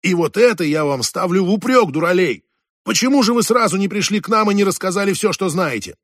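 A man voicing a gruff middle-aged police inspector who talks brusquely and impatiently on the phone in an audiobook. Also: high-pitched, animated, a little fast, fairly bright tone, no echo, studio quality. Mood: reproachful. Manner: brusque, impatient, calls the other fool.

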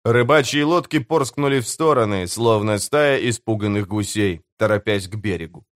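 A man narrating an adventure audiobook in an even, measured reading. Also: lowish voice, dry recording, studio quality. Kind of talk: scripted narration.

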